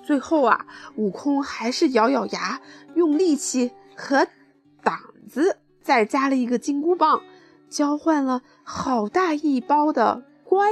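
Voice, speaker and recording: A woman's voice: high-pitched, expressive, unhurried, faint music behind. A woman reading a children's picture book aloud to a child, adding chatty asides to her young listener.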